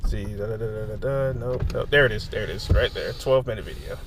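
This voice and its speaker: A man's voice: on the low side, brisk, vocal fry, noisy background. A man hosting a livestream in a casual, teasing, laugh-prone chat style. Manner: teasing banter with frequent laughter. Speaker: livestream host. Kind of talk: casual reaction stream chat.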